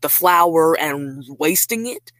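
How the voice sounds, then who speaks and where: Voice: mid-range voice, expressive, takes it slowly, fairly bright tone, dry recording. Chatty host, dry close sound. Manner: rambling, chatty, many "like"s. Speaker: show host. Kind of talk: casual chat interview.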